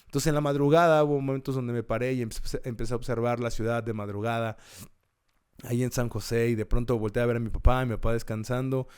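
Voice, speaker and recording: A man's voice: medium pitch, level tone, quick pace, a little mellow, clean tone. A man hosting a podcast, giving an earnest, encouraging devotional talk and repeating key words with rising emphasis. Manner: occasional restarts and self-corrections.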